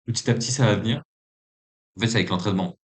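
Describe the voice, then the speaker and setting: A man with a fairly low voice talks through trading basics in a relaxed, informal way. He pauses often with "euh" and restarts his sentences. His French carries a non-native accent. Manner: hesitant, many fillers, relaxed and informal. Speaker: trading coach. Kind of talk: casual explanatory lesson.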